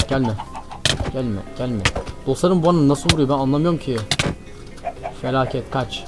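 A man's voice: medium pitch, a little fast, loud music behind the voice. A man giving frantic gameplay commentary, repeating himself and talking straight to his viewers as friends. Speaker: Minecraft gameplay streamer.

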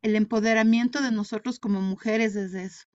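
A woman's voice: a little high, steady tone, fairly quick, darkish tone, no echo, lo-fi sound. A woman speaking as a guest on a choppy, breaking-up video call connection, talking earnestly and emphatically and often restarting her words. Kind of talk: earnest conversational talk.

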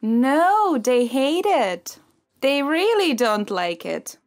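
A woman's voice: sits high, big pitch swings, no room sound, clean studio sound, full character voice. A woman voicing a snooty, mock-polite cinema ticket seller. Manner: slow, posh, mock-polite.

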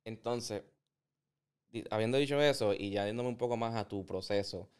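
A man hosting a podcast interview, talking in an animated, opinionated way and mixing in English words. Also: medium pitch, clear, resonant tone. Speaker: podcast host. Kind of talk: casual interview.

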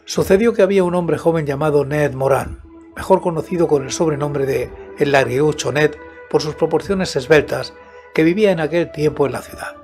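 An elderly man reads a scripted horror story into a close studio mic. His voice sits slightly high for a man, and his delivery is deliberate and measured. Music plays behind him. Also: a little mellow. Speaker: audiobook narrator and host of a horror story show. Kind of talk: scripted narration of a horror tale. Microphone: close studio microphone with headset monitoring. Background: background music.

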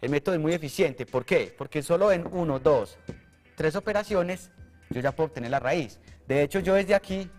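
A man's voice: fairly high pitch, moderate pace, in a large hall, faint music behind. A man, a math teacher, explaining a method step by step on a televised lesson. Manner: explanatory, steady, asks for agreement.

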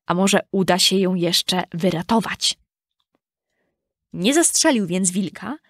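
A woman reading a children's storybook aloud in a calm, even storytelling manner. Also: medium pitch, no room sound, studio quality. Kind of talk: scripted storybook narration.

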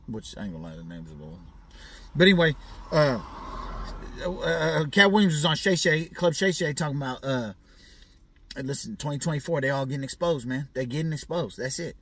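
A man's voice: fairly high pitch, a bit bright. A man hosting a show, rambling through casual commentary with lots of fillers and slang, always checking in with "right?". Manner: asks the listener for agreement again and again. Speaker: show host. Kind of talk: casual commentary on celebrity news.

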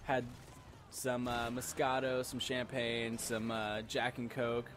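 A man's voice: medium pitch, completely flat delivery, slow. Tipsy, rambling man with noisy background. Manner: rambling, repeats himself. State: tipsy from alcohol. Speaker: gamer commentator. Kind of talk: casual game commentary over gameplay.

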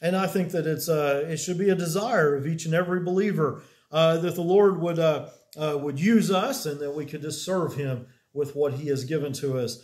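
Slightly high-voiced pastor preaching. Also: male voice, darkish tone. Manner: unhurried, many "uh" pauses, rising emphasis on key words. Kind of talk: sermon with opening prayer. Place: small church room with a wooden cross on the wall.

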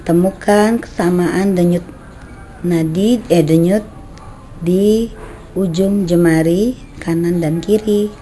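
A woman guiding children through brain gym exercises with slow, patient step-by-step instructions, recorded on a camera mic on an outdoor veranda. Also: lowish voice, fairly even intonation, warm tone, slight background noise.

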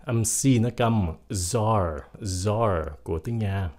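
Low-voiced man teaching word pronunciation. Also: darkish tone. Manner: slow, careful modelling of example words. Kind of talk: explaining pronunciation to learners.

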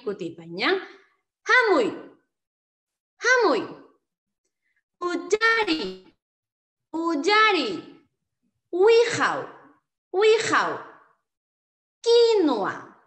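A woman teaching an online language class, saying example words loudly and slowly, then explaining more quietly and asking rhetorical questions. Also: fairly high pitch. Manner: asks rhetorical questions and peppers speech with Quechua fillers.

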